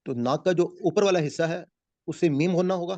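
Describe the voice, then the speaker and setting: A man teaching an online recitation class, explaining each rule slowly in a mellow, slightly high voice. The sound is close and dry, with no room around it. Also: no room sound, dull audio. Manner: slow, explanatory, calls on students by name. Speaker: Quran tajweed teacher. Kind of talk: online class teaching, mixing Urdu and English. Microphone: video call.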